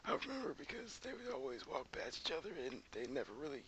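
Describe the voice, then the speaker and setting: A man's voice: mid-range voice, sing-song, fast talker, fairly bright tone, a little hiss or hum, poor audio. A young man putting on the voice of a rambling old man who says he lived through ancient history, presenting a school project. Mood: reminiscing. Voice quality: creaky whispery old-man voice. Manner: wandering, folksy storytelling.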